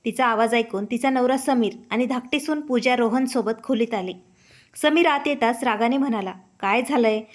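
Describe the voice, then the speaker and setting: A woman narrating an emotional story in a steady storytelling way. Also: fairly high pitch, normal speed. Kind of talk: scripted narration.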